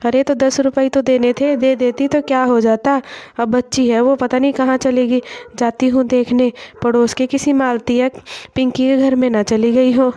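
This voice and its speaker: A woman's voice: sits high, flat delivery, normal speed, mellow, dry recording, dull audio, lightly acted. A woman voicing an older village mother-in-law with aching knees, speaking in a scolding, complaining way.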